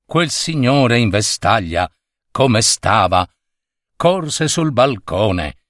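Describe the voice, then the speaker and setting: A man reads a children's story at an unhurried pace, with a lively, animated melody. His delivery is expressive and the sound is dry and close. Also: mid-range voice, no room sound.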